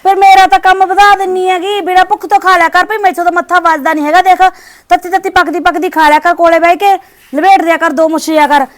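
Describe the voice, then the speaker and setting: A harsh, sharp-tongued daughter-in-law, played by a woman in a village short drama. She scolds in a very high voice and talks quickly, brushing everything off. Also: fairly even intonation. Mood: scolding. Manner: scolding, dismissive, nagging.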